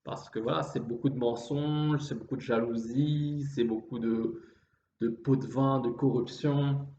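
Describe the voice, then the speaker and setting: A man from with a slightly effeminate, refined voice speaks in a halting introspective monologue, often restarting his phrases. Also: mid-range voice, fairly even intonation, mellow. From Réunion. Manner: halting, with repeated false starts and trailing phrases. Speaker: vlogger. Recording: dull, roomy, faint background noise.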